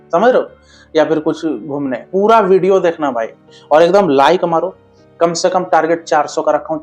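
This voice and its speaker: A man's voice: fairly high pitch, a little mellow. A man giving blunt, casual relationship advice straight to his viewers, keeps checking they understand and calls them brother.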